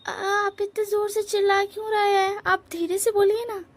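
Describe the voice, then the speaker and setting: A shy young man who talks softly and haltingly, forever apologizing, as in a storybook, as a woman storyteller puts him on. The voice sits high and light. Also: level tone, slight background noise. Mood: timid. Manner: quiet, stammering, apologetic. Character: timid soft-spoken young man, hesitant.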